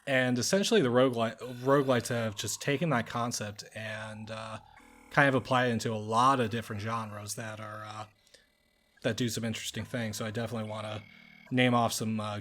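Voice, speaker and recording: A man's voice: on the low side, steady tone, moderate pace, fairly bright tone. A man co-hosting a casual podcast, rambling with lots of "like" and filler words. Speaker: podcast co-host. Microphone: podcast microphone.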